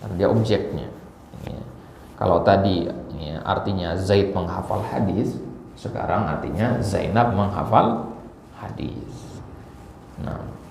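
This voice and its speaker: A man's voice: low-pitched, slow pace, creaky, pauses often, darkish tone. A man teaching an Arabic grammar lesson in a mosque hall, asking the class questions and then answering them himself. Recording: roomy hall echo with faint background noise.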